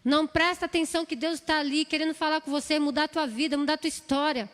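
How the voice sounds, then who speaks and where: A woman with a São Paulo Brazilian accent delivers a sermon in a church hall. Her voice sits high, and she pleads earnestly, circling back over the same phrases. A long reverb trails each line across the room. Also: fairly even intonation, fast talker, a bit bright. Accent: Brazilian Portuguese, São Paulo. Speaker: preacher.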